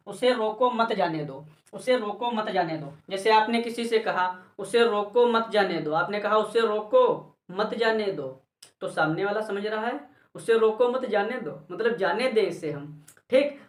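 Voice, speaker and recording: A man teaching exam-prep grammar, explaining patiently through repeated examples and calling his students brother and dear children. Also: sits high. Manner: sometimes sings example lines slowly. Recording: echoey room, voice from a distance.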